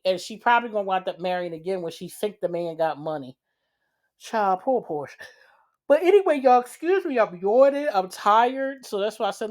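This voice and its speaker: A woman hosting her own channel, giving casual celebrity gossip commentary in a chatty, sassy way, repeating herself and filling pauses. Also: mid-range voice. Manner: chatty, drawn-out, repeats herself, frequent fillers; sassy, addresses viewers with "child" and "honey". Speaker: channel host.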